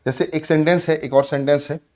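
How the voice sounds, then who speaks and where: A man's voice: on the high side, steady tone, brisk, a little mellow. A man teaching English grammar for exams. He asks his own questions, answers them step by step, and calls his students friends. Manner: addresses students as friends and brother. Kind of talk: exam-prep grammar lesson.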